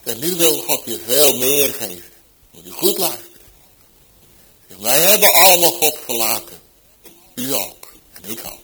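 A man preaching, telling a story from his ministry with emphatic swings between loud declarations and hushed tones. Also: mid-range voice, sing-song, unhurried, pauses often, slightly rough, low-quality recording. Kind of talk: sermon anecdote.

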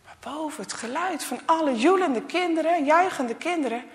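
A woman reading a children's story aloud, lively with hushed asides. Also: high voice, moderate pace. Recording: long reverb.

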